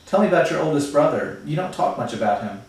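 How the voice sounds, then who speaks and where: A man's voice: on the high side, sing-song, fast talker. A man reading aloud and voicing a curious teenage girl who asks questions in a coaxing way. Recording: very echoey room, far from mic.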